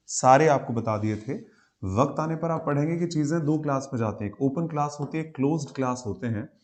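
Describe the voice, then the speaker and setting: A man's voice: medium pitch, a little mellow. A male English grammar teacher with an Indian accent, giving a live online class and mixing Hindi and English as he explains. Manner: explains in a Hindi-English mix, greets students by name.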